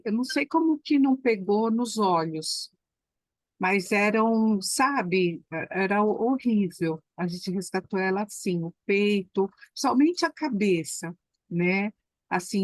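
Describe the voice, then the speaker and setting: A woman's voice: mid-range voice, no room sound. A woman, a class participant telling a story with feeling and repeating words for emphasis. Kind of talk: emotional storytelling on a call.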